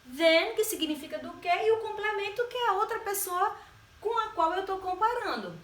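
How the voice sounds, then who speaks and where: Woman, Brazilian Portuguese accent, English teacher, patient explanations, drawn-out key words, high voice, distant mic. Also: expressive, a bit bright. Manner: patient, stretches key words, frequent checking "certo?". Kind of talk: explanatory grammar lesson. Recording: roomy sound from a distance.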